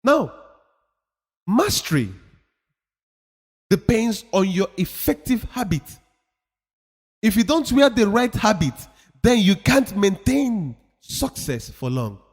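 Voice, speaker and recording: A husky, high-voiced man gives a motivational talk slowly, leaving long pauses between big swings of pitch. He drives home his points in an emphatic, preachy way, repeating phrases for effect, with a long hall reverb behind him.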